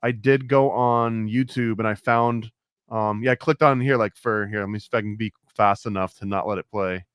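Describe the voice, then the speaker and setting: A man's voice: on the low side, fairly even intonation, moderate pace, fairly bright tone, clean tone, dry recording. Chatty man with a dry, close voice. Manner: rambling, chatty, laughs often, filled with "like". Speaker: podcast co-host. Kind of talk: casual podcast chat.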